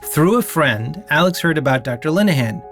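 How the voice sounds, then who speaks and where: Measured male documentary narrator. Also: fairly high pitch, expressive, fairly bright tone. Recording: faint music underneath. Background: faint music.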